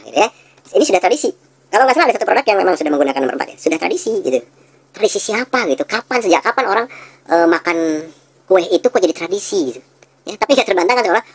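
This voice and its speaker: A woman instructor giving a recorded lesson, explaining quickly and acting out short sales dialogues in a raised voice. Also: breathy edge, low-quality recording. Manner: fast explanatory talk, acts out sales dialogue in high voice. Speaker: NLP instructor.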